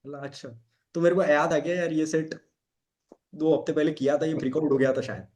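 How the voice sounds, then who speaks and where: Story-telling male dating coach, slightly high voice. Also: steady tone, fairly quick, darkish tone. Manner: storytelling, mixes Hindi with English, laughs often. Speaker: dating coach, podcast host. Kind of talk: casual podcast chat.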